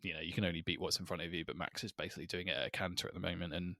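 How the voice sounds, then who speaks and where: A man's voice: sits low, little pitch movement, rapid-fire, pushed and bright, no echo, clean studio sound. A man co-hosting a sports podcast, chatting casually and laughing often. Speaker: podcast co-host. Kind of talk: casual chat.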